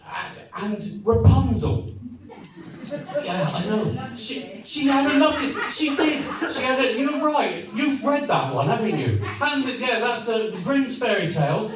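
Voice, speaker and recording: A man doing live stand-up comedy, rambling and halting, with deadpan asides to the audience. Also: very high voice, a crowd in the background. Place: comedy venue. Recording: echoey live room, far mic, audience.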